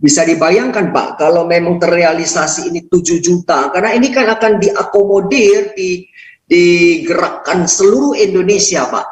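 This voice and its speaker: Interviewer, measured questions, talk show, mid pitch, echoey room. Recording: roomy echo.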